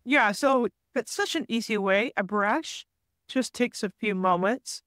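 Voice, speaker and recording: A woman guest on a podcast interview, calmly explaining forest disease prevention in a measured, advice-giving way. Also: fairly high pitch, dry recording, clean studio sound. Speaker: forest health guest expert.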